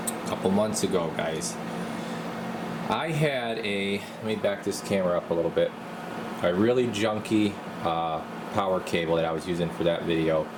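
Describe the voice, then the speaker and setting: This radio repair technician and video host has a fairly low-pitched male voice, recorded with a noisy background. He rambles informally as he walks viewers through a hands-on repair in a casual how-to demonstration.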